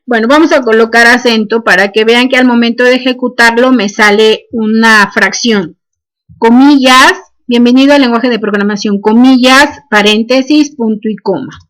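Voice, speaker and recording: A woman's voice: a little high, fairly even intonation, moderate pace, a bit bright. A woman, teaching a programming class and dictating each step with "este" fillers. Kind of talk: screen-recorded coding lesson.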